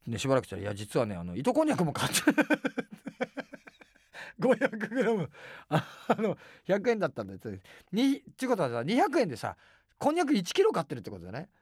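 A middle-aged man hosting a radio show, telling rambling casual anecdotes in rough, filler-heavy speech and acting out quoted dialogue. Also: fast, no echo, studio quality. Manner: animated, acts out quoted dialogue with big pitch jumps. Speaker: radio host.

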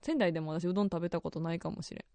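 A young woman with a Kansai accent hosts a radio show in a lively, chatty way and laughs often. Her voice sits at a middle pitch. It is recorded dry and close on a studio microphone. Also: very fast, no room sound. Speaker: radio host.

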